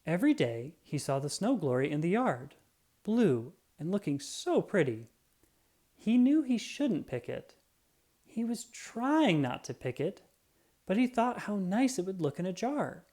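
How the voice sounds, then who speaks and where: Reading a children's story out loud, this narrator speaks at a medium pitch and takes an expressive, deliberate approach typical of storybook reading.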